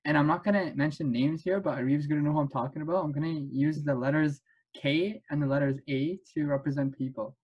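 A man hosting a casual podcast chat over a video call, telling stories with quick asides. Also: a little high, fairly even intonation, breathy edge, lo-fi sound. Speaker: podcast host.

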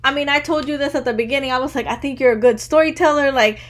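A woman in her early thirties hosts a relaxed podcast conversation. Her voice sits quite high, and she rambles, restarts and leans on "like" constantly. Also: fast talker. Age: 30s. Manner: chatty, rambling, says "like" constantly. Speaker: podcast host. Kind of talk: casual interview chat.

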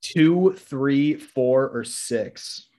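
Young guy hosting a quiz chat, mid-pitched, swears a bit, laughs a lot. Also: drawn-out words, warm tone. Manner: swears casually, reads quiz options aloud, laughs often. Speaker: podcast host reading quiz questions. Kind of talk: casual chat.

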